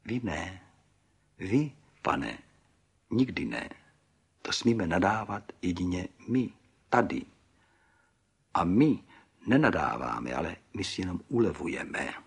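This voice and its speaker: A man reading an audiobook, voicing a motherly middle-aged woman who gently talks someone round. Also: deep voice, very animated, vocal fry, pauses often, breathy edge, full character voice. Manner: gentle, persuasive.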